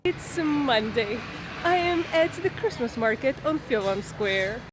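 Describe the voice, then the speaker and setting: Woman, vlog host, high voice, cheerful, laughs a lot, outdoors, city traffic noise behind. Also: animated, measured pace. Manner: cheerful, laughs often, rises high when greeting. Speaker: vlog host interviewing passers-by. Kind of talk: street interviews at Christmas markets. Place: outdoor Christmas market in a city.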